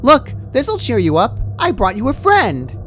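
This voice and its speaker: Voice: medium pitch, wildly swooping pitch, measured pace, a bit bright, a little hiss or hum, voice pushed up. A performer voicing a cheerful but deranged female party pony in a story reading, bubbly and sweetly menacing. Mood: gleeful. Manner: giggly, bubbly, casually chiding.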